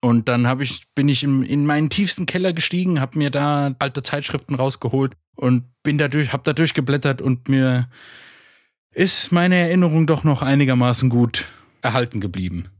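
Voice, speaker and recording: A man's voice: medium pitch, normal speed, no echo, clean studio sound. Rambling male podcast guest. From Frankfurt, Germany. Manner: rambling, enthusiastic, self-interrupting. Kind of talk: casual podcast chat.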